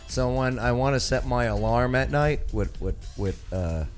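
A man's voice: medium pitch, moderate pace, soft background music. A man with a New York accent hosting casual talk radio, rambling with lots of fillers and restarts. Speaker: radio show host.

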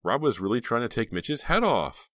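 A man's voice: medium pitch, very animated, normal speed, fairly bright tone, no room sound, clean studio sound, pitched above the performer's own voice. A man voicing a determined teenage girl, speaking in an intense, urgent way in an audiobook. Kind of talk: audiobook character voice.

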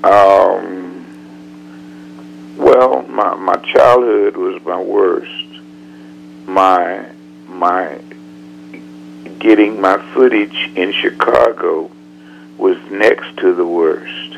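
Slow, gravelly older male musician. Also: sits low, steady tone, a little hiss or hum, poor audio. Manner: slow, throat-clearing storyteller. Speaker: veteran musician guest. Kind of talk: storytelling in an interview.

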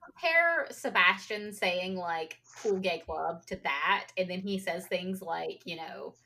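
A woman co-hosts a casual podcast with a bright, sharp-edged voice pitched a little low. She speaks in halting phrases, often starting over mid-thought. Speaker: podcast co-host.

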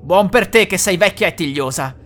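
A narrator voicing a cruel, hungry male ogre who talks in loud, growling threats. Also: medium pitch, lively intonation, brisk, faint music behind. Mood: furious.

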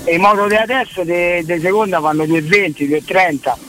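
A middle-aged man with a Roman accent calling a radio show, chatting colloquially and haltingly, repeating himself. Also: high-pitched, pushed and bright, faint music behind, rough recording. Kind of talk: casual chat.

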